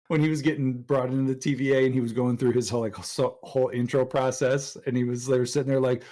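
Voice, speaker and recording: A man co-hosting a podcast in casual chat, excitedly retelling scenes and jumping into quoted voices. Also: brisk. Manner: excited, acts out scenes in jumpy high voices. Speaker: podcast co-host.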